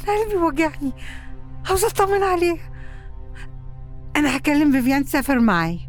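A middle-aged Egyptian mother who talks fast and presses hard, her voice a touch higher than most. She pleads and insists in a drama scene, faint music under her lines. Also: expressive. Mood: anxious. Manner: insistent, agitated. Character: worried mother anxious about her absent daughter. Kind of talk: audio drama acting.

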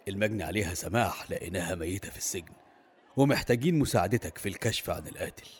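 An actor playing a stern prison official who speaks in a formal, measured way. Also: male voice, low voice, expressive, slightly rough.

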